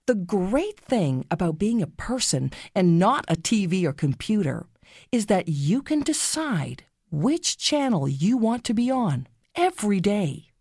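A woman narrating a scripted guided relaxation story for children in a soothing, gently instructing way. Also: mid-range voice, very animated, a little slow, husky, no room sound, clean studio sound.

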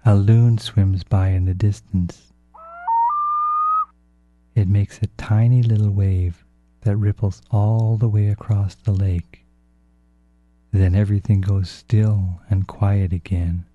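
A man narrating a guided relaxation in a soft, hushed, calm and unhurried way, as a meditation guide. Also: lowish voice, soft background music. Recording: dull, roomy, echoing sound.

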